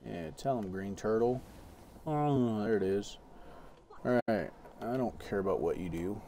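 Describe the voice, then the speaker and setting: Laid-back, low-voiced man streaming a game. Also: a little slow, slight background noise. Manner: relaxed, rambling, swears casually. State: has the hiccups. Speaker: gaming streamer. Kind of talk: casual gameplay commentary.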